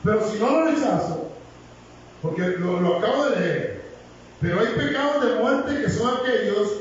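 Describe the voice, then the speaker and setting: A man delivers a lively, joking sermon in a high voice. He is picked up from afar in a very echoey church hall. The sound is dull, with a faint hiss underneath. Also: distant mic. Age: 60s. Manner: humorous, animated, jokes with congregation. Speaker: preacher.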